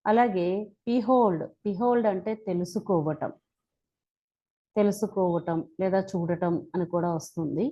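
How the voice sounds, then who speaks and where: A woman with a Telugu accent teaching English verb forms, reciting each form one by one slowly and deliberately. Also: lowish voice, mellow, lo-fi sound. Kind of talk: slow spoken-English lesson.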